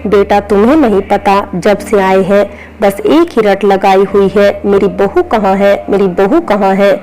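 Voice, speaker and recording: Lady reading a gentle loving mom-in-law, storybook. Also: medium pitch, measured pace, a little hiss or hum, natural voice, low-quality recording. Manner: soft, loving. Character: gentle, kind mother-in-law.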